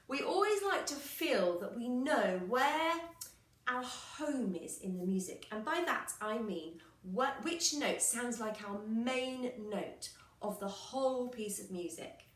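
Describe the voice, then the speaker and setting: A woman's voice: fairly high pitch, a bit bright, reverberant. A woman music teacher giving a patient, encouraging recorder lesson, counting aloud and singing examples.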